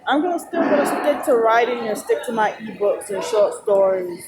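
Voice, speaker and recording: A tired, sleep-deprived woman rambles haltingly in a personal vlog, sounding like she is working to stay awake. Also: on the high side, expressive. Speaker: vlogger. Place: loud indoor shopping mall. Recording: noisy mall ambience behind voice. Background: loud talking and mall noise.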